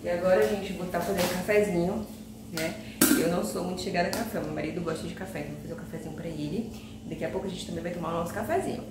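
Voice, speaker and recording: A young home vlogger cleans a large, bare, tiled dining room and kitchen indoors, narrating casually to her viewers and pausing now and then to rest. Her voice is on the low side with fairly even intonation. Captured by a camera across the room, she sounds distant in the echoey space, with heavy background noise.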